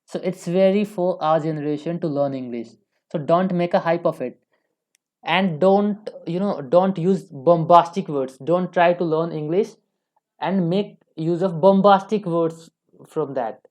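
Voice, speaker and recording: A young woman with an Indian accent teaches English informally online, repeating phrases to stress them. Her voice sits on the low side and sounds mellow, and the talk is a casual instructional lecture.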